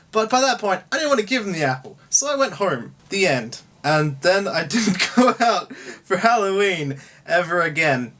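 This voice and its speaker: A man vlogging at home, telling a story in a sarcastic, jokey, lively way. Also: high-pitched. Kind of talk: casual comedic storytelling. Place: at home, indoor room.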